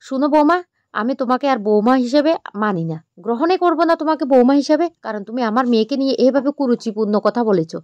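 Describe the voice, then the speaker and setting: An offended, stern older father, as a woman narrator puts him on, coldly rejecting his daughter-in-law. Fast and slightly high, in a dry close recording. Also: a little mellow, no room sound, dull audio, close to an everyday voice. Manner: stern, disowning.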